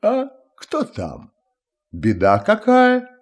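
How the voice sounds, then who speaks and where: Man doing an old storybook tsar, husky, slow, voice jumps around a lot. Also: high-pitched, huge pitch swings, voice pushed up, heavily acted. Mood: drowsy. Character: aging male fairy-tale tsar, grateful yet sleepy.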